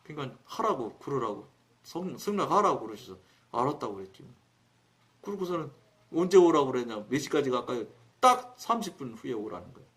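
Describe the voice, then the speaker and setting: A man preaching on his own broadcast, telling a story in a colloquial, animated way and acting out the dialogue. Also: mid-range voice, fairly quick. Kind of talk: storytelling sermon.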